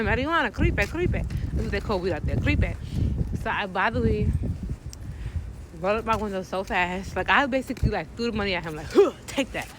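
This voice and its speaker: An American woman telling a story casually, animated and slangy, often acting out the voices of other people. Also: mid-range voice, noisy background. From United States.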